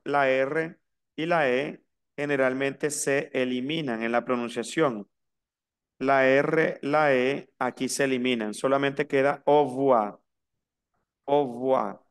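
A man teaching a French lesson in Spanish, slowly spelling out and repeating each word. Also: mid-range voice, clean tone. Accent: Latin American Spanish. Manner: slow, spelled-out pronunciation drills. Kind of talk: online language lesson.

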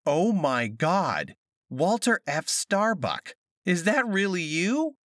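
A man reading an audiobook, voicing a loud, piercing shopping bag lady who wails and clings. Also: mid-range voice, sing-song, normal speed, no echo, clean studio sound. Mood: shrieking. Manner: wailing, overly familiar.

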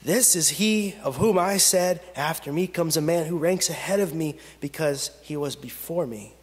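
A man in his thirties, a pastor, leading a pastoral prayer and reading scripture from the pulpit in slow, measured phrases with long pauses. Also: a little high. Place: church sanctuary at a pulpit. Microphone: pulpit gooseneck microphone. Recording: long reverb of a church sanctuary.

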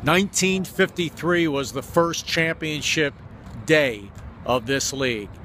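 A fairly high, slightly bright voice belongs to a man in his fifties who ad-libs an on-location promo as an effusive announcer and interviewer, speaking unhurriedly. He's outdoors by a sports complex, filmed on a phone at arm's length with background noise.

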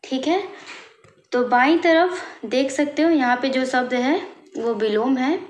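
A woman teacher slowly working through a worksheet, explaining each answer step by step as she writes. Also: high voice, echoey room, lo-fi sound. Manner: slow, explaining step by step while writing. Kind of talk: worksheet walkthrough lesson.

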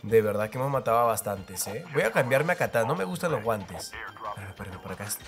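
A man giving live, excitable commentary over his own gameplay, repeating words in rapid bursts and cheering. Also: on the low side. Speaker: mobile game player and creator. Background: faint game music and gunfire.

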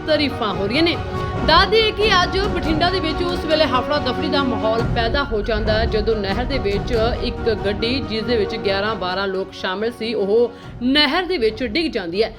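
A woman reading a scripted news voice-over in a Punjabi accent, measured and formal. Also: fairly high pitch, expressive, loud music behind the voice, over a noisy crowd. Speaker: news presenter.

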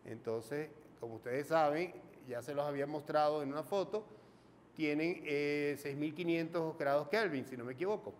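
A film teacher with a Venezuelan accent talks through a lesson in a chatty way, often asking and answering his own questions. His voice sits a little high for a man. The sound carries a long reverb, with a faint background hum underneath. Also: moderate pace. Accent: Venezuelan Spanish. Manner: chatty, explanatory, asks himself questions. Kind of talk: informal video lesson. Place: home studio in front of a green screen.

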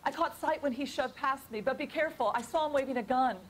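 A woman's voice: high voice, fast talker, close to an everyday voice, low-quality recording. A woman playing an anxious middle-aged witness urgently speaking in a video game. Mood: alarmed. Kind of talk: video game dialogue acting. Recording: faint street noise.

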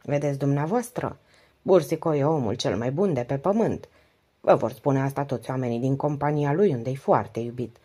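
A woman's voice: rumbling low, dark tone, husky. Woman reading as a talkative, devoted middle-aged wife. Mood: confiding. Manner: long, flowing confiding speech. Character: 48-year-old wife, talkative, devoted, weary.

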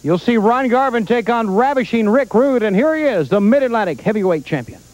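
A man with a high-pitched voice works as a wrestling announcer. He reads out a promo in a scripted presenter's style, speaking into a handheld mic. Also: lively intonation, fairly quick, a little mellow. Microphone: handheld microphone.

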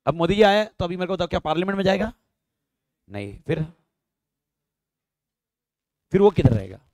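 A man's voice: high-pitched, big pitch swings, moderate pace, a little mellow, dry recording. A man teaching law in a live online lecture, asking his students questions and answering them himself, mixing Hindi and English.

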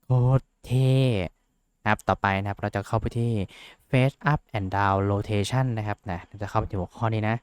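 A man's voice: on the low side, steady tone, moderate pace, clear, resonant tone, dry recording. A young man casually talking through a tutorial, rambling and joking at himself, with lots of fillers. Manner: rambling, self-mocking, chatty with fillers. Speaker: VTuber tutorial host. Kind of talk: casual screen-share tutorial.

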